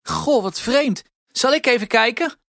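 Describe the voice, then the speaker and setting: A man voicing an eager, fussy young male household helper who talks high and flustered in a storybook. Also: huge pitch swings, unhurried, sharp tone, no room sound, studio quality, full character voice.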